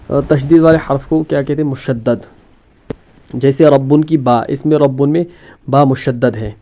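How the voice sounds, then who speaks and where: Brief: male teacher, mid-pitched voice, patient repeat-and-quiz delivery, muffled lo-fi recording. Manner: asks a question then answers it himself; repeats terms, mixes in English words. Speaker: Arabic grammar teacher. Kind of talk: classroom-style lesson explanation.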